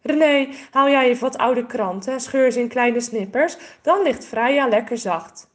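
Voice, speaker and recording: A woman doing an eager, high little girl. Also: unhurried, close to an everyday voice. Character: young girl, eager and caring.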